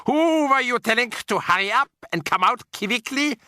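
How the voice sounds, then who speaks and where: A man voicing a cruel, commanding old witch queen, with a shrill, drawn-out, imperious voice in a storybook reading. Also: lively intonation, bright, forceful tone, dry recording, studio quality, full character voice. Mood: snapping. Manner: snapping, imperious.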